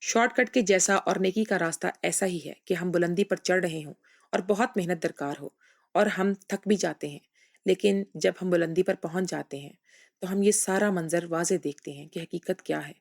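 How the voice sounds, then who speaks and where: A woman reading a first-person story aloud in an even, measured storytelling manner. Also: lowish voice, creaky.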